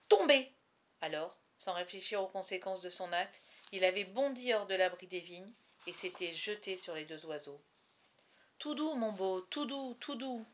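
A woman reading a novel aloud chapter by chapter, with expressive, dramatic storytelling. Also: medium pitch. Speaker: reader.

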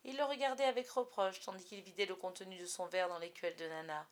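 A woman narrating a storybook in a measured, expressive way. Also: mid-range voice. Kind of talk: storybook reading.

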